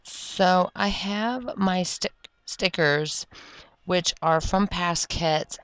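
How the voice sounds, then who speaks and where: At her craft table, a Floridian woman who makes scrapbooking videos talks loosely through a tutorial, wandering off track and correcting herself, all while hiccuping. Her voice is fairly low in pitch and smooth, recorded with no room sound.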